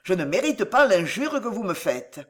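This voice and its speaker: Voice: medium pitch, very animated, normal speed, close to an everyday voice. Reader doing a proud young duelist. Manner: indignant, courtly. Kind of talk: audiobook character voice.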